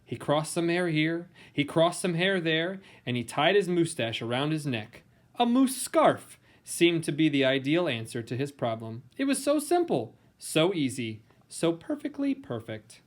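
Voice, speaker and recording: Reading a children's storybook, this man performs it with playful theatricality, leaning on dramatic emphasis and pauses. His voice runs on the high side with a sing-song quality.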